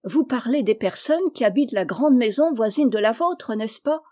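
A woman's voice: on the high side, lively intonation, moderate pace, a little mellow, close to an everyday voice. A woman reading as a chatty little girl. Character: chatty young girl, a party guest.

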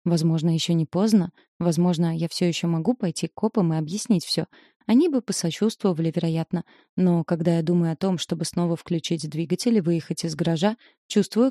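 A woman's voice: on the low side, a little fast, mellow, no room sound, clean studio sound. A woman reading a novel aloud in the first person, telling a tense, confessional story. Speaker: audiobook narrator.

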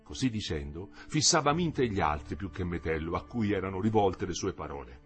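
A man reading a literary novel aloud with an expressive, dramatic delivery. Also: deep voice, brisk, faint music behind. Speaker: audiobook reader.

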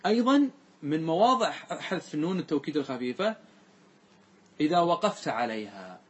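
A man teaching a grammar lesson to a class, quizzing students with quick questions and reciting verses slowly and drawn-out. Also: sits high, fairly bright tone, breathy edge.

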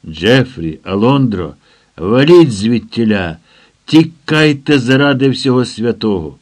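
A man reading an audiobook, voicing a frantic young programmer who shouts urgently into a radio. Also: mid-range voice, moderate pace, natural voice. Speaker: character in an audiobook.

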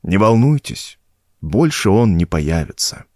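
Storybook: gentle, firm old priest played by a male reader, solemn, preachy. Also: fairly low pitch, normal speed, dry recording, clean studio sound. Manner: calm, preaching tone.

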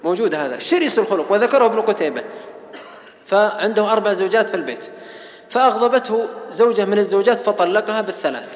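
A man's voice: sits high, animated, fast talker. A man giving a religious lecture, preaching emphatically with oaths and strings of rhetorical lists. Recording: echoey hall with long reverb.

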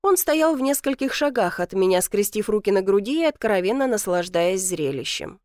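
A woman narrating a first-person audiobook in a lively, expressive storytelling manner. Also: mid-range voice, normal speed, no echo, clean studio sound.

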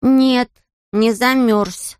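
A woman's voice: high voice, moderate pace, creaky, dry recording, studio quality, pitched above the performer's own voice. A woman voicing a sulky, whiny little boy in a children's storybook reading. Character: small boy, sulky and tearful.

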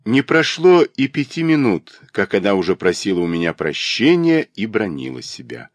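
A man reads a classic novel aloud in a lively, expressive storytelling manner. His voice sits on the low side and rises and falls widely. The sound is close-miked and dry, with no room echo. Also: moderate pace. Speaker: audiobook narrator. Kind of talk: scripted narration of a classic novel.

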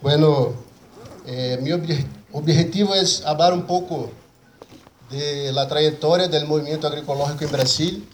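A man with a slightly high voice, a native Portuguese speaker with a Brazilian Portuguese accent, presents at a conference for an agroecology movement. He speaks haltingly in a mix of Spanish and Portuguese, repeating and rebuilding his words. The room sounds echoey, with faint background noise.

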